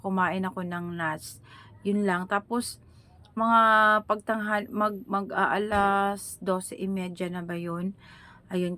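A woman's voice: on the low side, slight background noise. A middle-aged woman vlogger telling her viewers a long story in a rambling, conversational way, still sounding weak and tired after being ill.

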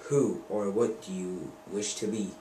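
A man voicing a solemn magic lizard in a storybook reading, speaking in a slow, measured, mysterious way, recorded on a distant camera mic in a roomy space. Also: fairly low pitch, steady tone, mellow, a little hiss or hum, natural voice.

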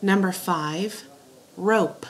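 A woman teacher dictating spelling words and sentences in a deliberate way, setting words apart and repeating them. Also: mid-range voice. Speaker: teacher giving a spelling test.

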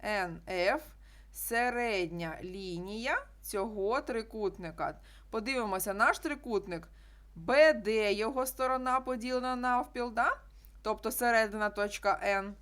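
A woman's voice: fairly high pitch, moderate pace, fairly bright tone, smooth. A woman teacher explaining a geometry problem step by step, repeating key statements. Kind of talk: classroom math lesson.

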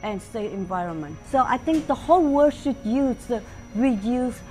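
A middle-aged restaurant owner gives an interview testimonial in her dining room, telling her story with heartfelt eagerness. Her fairly high, darkish voice is animated and moves at a normal speed, with faint music behind it.

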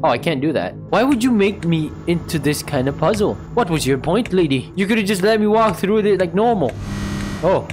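A man's voice: high-pitched, expressive, moderate pace. A man streaming a game live, chatting and mocking himself, with sudden screams and laughs. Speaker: gaming streamer. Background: game music.

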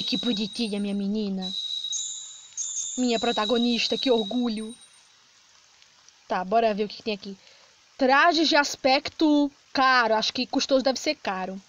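A woman with a Brazilian Portuguese accent doing Let's Play commentary, chatty, reading game text aloud and reacting with quick jumps of fright. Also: fairly high pitch, noisy background. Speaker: gaming streamer. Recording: slightly dull lo-fi sound with game music.

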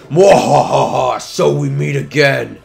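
A man voicing a gloating skull-faced game villain with slow, theatrical menace. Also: mid-range voice, gravelly, soft background music.

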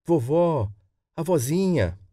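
A man's voice: medium pitch, very animated, normal speed, warm tone, dry recording, studio quality, pitched above the performer's own voice. A man voicing a young boy who asks questions eagerly in an audiobook. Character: young boy, frightened then trusting. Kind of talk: audiobook character voice.

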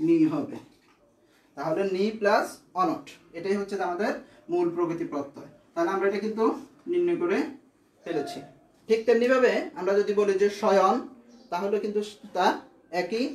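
A man's voice: high voice, reverberant. A man teaching grammar, explaining step by step and answering his own questions. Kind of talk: classroom lesson.

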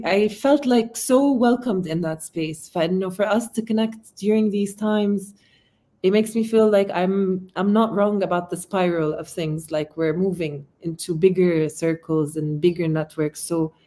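In a casual video-call interview from her home, a Palestinian artist in her thirties who lives in Amman speaks with an Arabic accent over her laptop mic. Her darkish, medium-pitched voice keeps a steady tone and measured pace, and she talks reflectively, often stopping to search for words.

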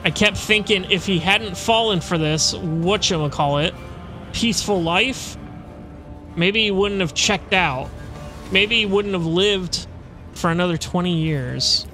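A man's voice: high-pitched, a little slow, sharp tone, faint music behind. A man voicing a nostalgic, cold-blooded old crew mate from a game, telling stories in a rambling way. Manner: rambling storyteller.

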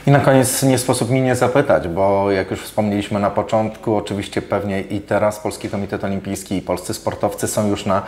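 A man's voice: lowish voice, steady tone, fairly quick, few pauses, a little mellow, slight background noise. A man in his forties hosting a radio interview, asking long conversational questions in an office studio on a lapel mic. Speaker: radio host. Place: office studio with glass table. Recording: roomy echo.

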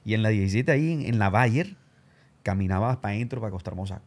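A man's voice: lowish voice, fast. A man hosting an interview, telling his own story casually, full of slang. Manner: animated, slangy, does voices of people he quotes. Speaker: show host and radio announcer.

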